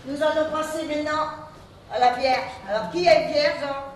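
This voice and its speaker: A woman's voice: high voice, steady tone, normal speed. A woman reading comic horoscope advice on stage in a playful, mock-solemn way. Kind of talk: live comedy sketch on stage. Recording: very echoey distant live stage recording with noise.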